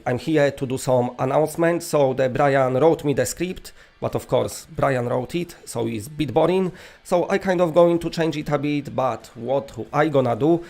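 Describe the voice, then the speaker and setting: A man's voice: mid-range voice, vocal fry, darkish tone. A man with a Polish accent presenting an award in a casual, rambling, tongue-in-cheek way.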